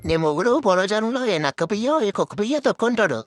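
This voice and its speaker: A woman's voice: medium pitch, lively intonation, very fast, no echo, soft background music, natural voice. A woman voicing a hot-tempered, insulting young man in a cartoon. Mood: angry, insulting. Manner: shouting insults, blunt.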